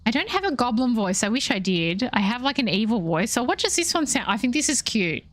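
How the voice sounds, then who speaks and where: A woman's voice: fairly high pitch, lively intonation, fairly quick. A young woman chatting casually while streaming a game, rambling and breaking off mid-thought. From Australia. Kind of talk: casual chat while gaming live.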